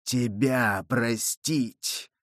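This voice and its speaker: A cold, merciless young avenger hidden in a monk's robe, as a male reader puts him on, pronouncing judgment very slowly. Every word comes stern and accusing in a mid-pitched voice. It sounds close and dry, like a studio audiobook. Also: steady tone, dry recording, close to an everyday voice. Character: vengeful young man disguised as monk, cold and merciless. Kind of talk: audiobook character reading.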